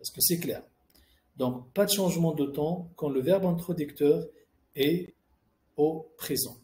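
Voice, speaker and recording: A man with a mellow, slightly high and slightly slow voice gives a classroom-style French grammar lesson. He explains each rule first in French and then in English, reading example sentences aloud. The room is echoey.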